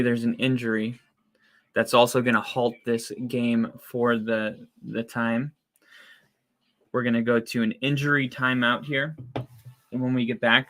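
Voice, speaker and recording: A young man talks through a football game for his podcast audience in a bright, forceful voice. He is casual and chatty and gets excited and incredulous at the plays. His voice is a little worn from talking so long. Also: mid-range voice. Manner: chatty, excitable, rising to loud disbelief at plays. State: losing his voice. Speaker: podcast host doing live game watch-along commentary. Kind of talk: casual play-by-play chat.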